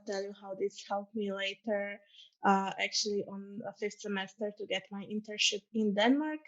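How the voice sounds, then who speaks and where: A young woman from Croatia with a Croatian accent, presenting her study programme as a student ambassador in an earnest, informal way with many ums and uhs. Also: mid-range voice. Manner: earnest, fills pauses with um and uh. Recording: dull lo-fi sound.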